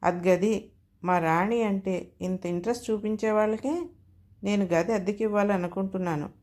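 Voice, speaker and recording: A woman's voice: mid-range voice, steady tone, normal speed, a little mellow, lightly acted. A woman reading the part of a doting middle-aged landlady in a storybook, speaking fondly and proudly. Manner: fond and proud. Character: doting middle-aged landlady, devoted to her pet dog.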